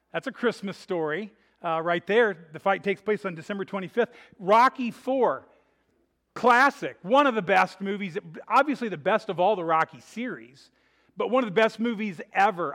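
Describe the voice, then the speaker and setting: A man's voice: high voice, expressive, normal speed, fairly bright tone. A man preaching a sermon as pastor, chatty and joking at times, earnest when preaching. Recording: reverberant hall.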